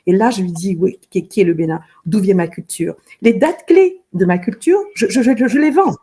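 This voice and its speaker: Woman, middle-aged, from Benin, interview guest, mellow tone, breathy, earnest. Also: medium pitch, expressive, normal speed. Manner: earnest, repeats words often while searching. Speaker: guest, fashion designer. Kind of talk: interview conversation.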